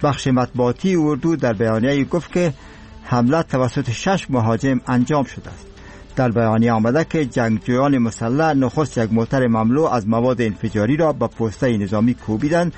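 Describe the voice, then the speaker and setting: A man with an Afghan accent reading scripted radio news in a solemn, formal, measured manner. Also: medium pitch, a little mellow. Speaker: radio newsreader.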